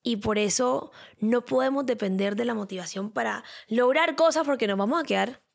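A young woman hosting her own podcast, chatting in an expressive way and repeating words for emphasis. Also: fairly high pitch, normal speed, vocal fry. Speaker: podcast host. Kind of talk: casual solo podcast talk.

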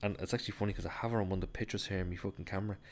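Deep-voiced Irish man, swearing storyteller. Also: fairly even intonation, rapid-fire, slight background noise. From Ireland. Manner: chatty, swears freely, laughs at own mishaps. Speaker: travel vlogger. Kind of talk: casual anecdote to camera.

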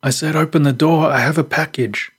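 A man's voice: fairly low pitch, moderate pace, a little mellow, slightly rough. A man doing a menacing deranged stranger. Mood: angry. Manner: demanding, threatening.

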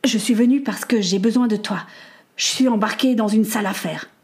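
A woman reading a storybook voices an earnest, worried young boy, slightly higher than her own voice, sometimes whispering a prayer. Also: brisk, a little mellow, natural voice.

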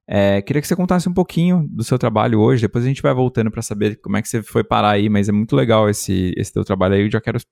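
A man's voice: fairly low pitch, fast talker, gravelly, few pauses, a little mellow, no echo, studio quality. A man with a Brazilian Portuguese accent hosting a podcast, chatting casually and informally with slang. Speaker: podcast host. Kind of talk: casual interview chat.

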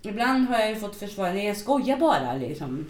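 A middle-aged woman co-hosts a podcast in a casual chat, rambling and dropping fillers like "liksom" throughout. Her medium-pitched voice is a little mellow with big swings in pitch. She sits away from the mic, and the recording has a roomy echo.

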